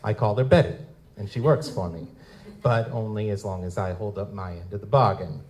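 A man with a lowish, slightly mellow voice speaks briskly, sounding close to everyday speech. He's an actor in a live audio drama playing a wry, down-on-his-luck lutin private investigator, delivering wisecracking, folksy first-person noir narration and dialogue in a wry, world-weary mood. Music plays behind him.

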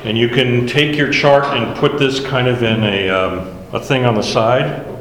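A man's voice: mid-range voice, steady tone, measured pace, a little hiss or hum. A man leading a Bible study, explaining verses one by one in a conversational way. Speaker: Bible teacher. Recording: echoey hall with faint ambience.

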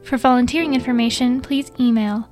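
A woman reading a public service announcement in a calm, reassuring way. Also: on the high side, fairly quick, soft background music.

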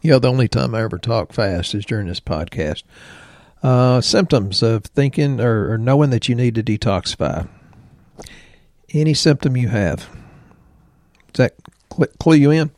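A man in his sixties, a health practitioner, co-hosts a health podcast, chatting casually and ramblingly with joking asides. His mid-range voice is a little mellow with lively intonation at normal speed, captured as clean studio sound with no room sound.

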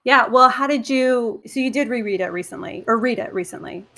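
A woman's voice: fairly high pitch, fairly quick, a bit bright. Conversational woman guest on a podcast. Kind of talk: casual book chat.

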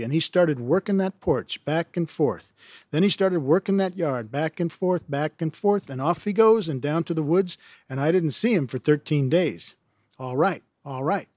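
A man's voice: fairly high pitch, darkish tone, dry recording, studio quality, close to an everyday voice. A man reading as a rambling backwoods yarn-spinner. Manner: folksy broken grammar, yarn-spinning. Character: rough-spoken backwoods man, superstitious, rambling. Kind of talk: reading fiction aloud.

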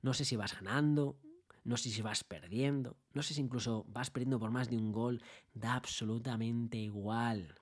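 A man delivers a motivational talk at a middling pitch. He speaks conversationally, keeps asking rhetorical tag questions and paints a vivid scene. Now and then he bursts into shouting. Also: steady tone, normal speed. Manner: builds a vivid scenario, jumps into shouted bits.

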